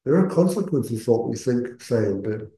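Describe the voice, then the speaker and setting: A man speaking as a Buddhist meditation teacher, giving earnest, measured spoken teaching with pauses mid-phrase. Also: mid-range voice, expressive, mellow. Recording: echoey room.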